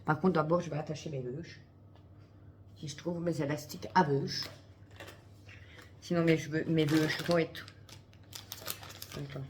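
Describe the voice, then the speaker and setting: A woman's voice: low-pitched, steady tone, unhurried, pauses often, a little mellow, a little hiss or hum. A woman vlogging in casual chat to camera, chatty and swearing freely, talking through a headset.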